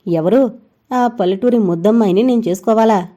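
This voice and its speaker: A woman's voice: medium pitch, a little fast, mellow, lightly acted. A woman voicing an arrogant young man who mocks and sneers, in a storybook reading. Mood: mocking. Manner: mocking, sneering.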